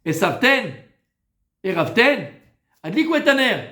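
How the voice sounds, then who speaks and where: A rabbi with a high voice teaches an informal Talmud class to a live group. He is familiar and teasing, calls his listeners "Habibi", and swings from loud urging to soft, coaxing tones. The sound has the strong echo of a reverberant room. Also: big pitch swings, unhurried. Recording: echoey room.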